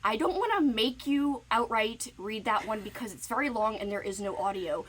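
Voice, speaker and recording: A woman's voice: fairly high pitch, lively intonation, moderate pace, fairly bright tone, slight background noise, low-quality recording. A woman booktuber giving playful, giggly book recommendations in a casual recorded message.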